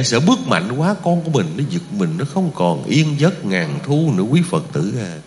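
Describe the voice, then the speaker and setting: A man's voice: medium pitch, a little mellow. Emphatic male preacher in a reverberant hall. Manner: emphatic, with frequent rhetorical questions to the listeners. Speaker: Buddhist preacher. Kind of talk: sermon to a lay congregation.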